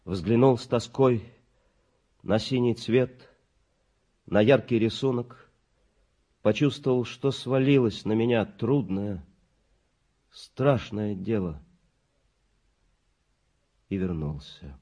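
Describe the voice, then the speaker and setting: A man reading a first-person literary story aloud in a grave, measured storytelling manner. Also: on the low side, warm tone. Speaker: narrator. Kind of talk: scripted literary narration.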